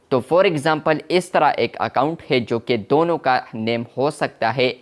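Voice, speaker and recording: A man presenting a tech tutorial, explaining app settings step by step and often addressing viewers as friends. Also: medium pitch. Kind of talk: screen-recorded tech tutorial.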